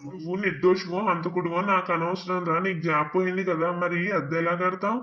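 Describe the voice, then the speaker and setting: A man's voice: high-pitched, flat delivery, quick pace, lo-fi sound, close to an everyday voice. Man doing a sneering, rude landlord. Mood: scornful. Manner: taunting, insulting. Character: rude, scornful male landlord, middle-aged. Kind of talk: animated cartoon voice acting.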